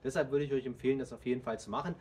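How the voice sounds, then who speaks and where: A man in his thirties talks viewers through a car task in a steady, explanatory way, speaking directly to them. His voice sits at an ordinary middle pitch. He was recorded outdoors in a home driveway, with faint ambient noise behind him. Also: rapid-fire. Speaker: DIY car channel host. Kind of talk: casual how-to explanation.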